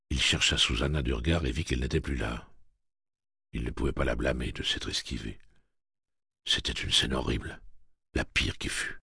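Very deep gravelly male narrator. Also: a bit bright, no room sound, clean studio sound. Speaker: audiobook narrator. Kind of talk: scripted narration.

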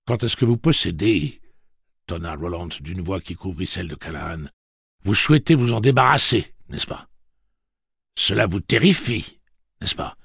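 A man voicing a stern gunslinger leader who speaks in a cutting, booming tone. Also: fairly even intonation, brisk, vocal fry, few pauses, slightly rough, dry recording, clean studio sound, heavily acted.

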